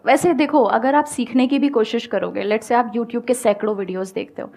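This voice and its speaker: A woman giving a motivational stage talk and answering audience questions, calm and reassuring as she mixes Hindi and English. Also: a little high, moderate pace, gravelly. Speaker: speaker and communication coach.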